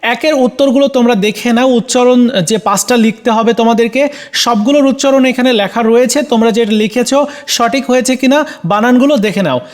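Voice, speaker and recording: A man as a teacher, methodically going over exam answers for students and pausing on frequent "ah" fillers. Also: very high-pitched.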